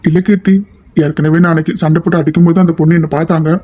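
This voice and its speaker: A woman lowers her voice to play an anxious young man in a homemade audio drama. He keeps pleading and apologizing, his tone deeper than a woman's usual speech. The delivery stays plain and even. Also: racing, slightly rough. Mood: worried.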